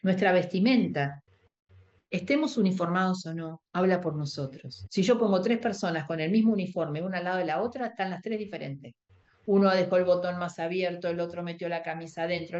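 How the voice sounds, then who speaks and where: A woman's voice: lowish voice, darkish tone, muffled recording. A woman with a Rioplatense Spanish accent teaching a workshop on emotional first aid, explaining step by step, acting out quoted dialogue and checking in with her listeners. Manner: explanatory, acts out quoted dialogue, asks the audience for agreement. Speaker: workshop instructor.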